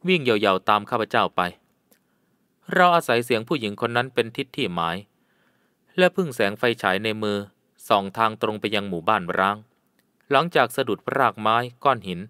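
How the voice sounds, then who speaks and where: A man narrating a jungle adventure audiobook in a measured, suspenseful way. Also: on the low side, animated, bright, forceful tone, smooth, no echo, clean studio sound.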